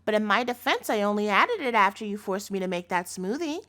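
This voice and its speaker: In a scripted audio roleplay, a woman plays an obsessive, doting girlfriend who holds the listener captive, addressing them directly in a cutesy voice laced with menace. Her medium-pitched voice swings widely in pitch, runs a little fast and sounds a bit bright. She comes across as sweet and smug.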